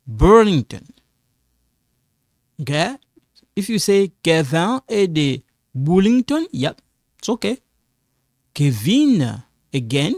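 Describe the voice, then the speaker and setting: A man's voice: on the high side, darkish tone, no room sound, studio quality. A middle-aged man teaching in a patient, repetitive way, speaking English as a with as his tongue. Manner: patient, repetitive, slow explanations, non-native English phrasing. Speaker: French teacher. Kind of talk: classroom-style language lesson.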